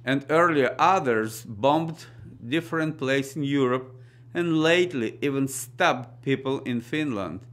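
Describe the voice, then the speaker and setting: Slow-paced man with a Russian accent. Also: medium pitch. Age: middle-aged. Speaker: presenter. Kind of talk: scripted news commentary.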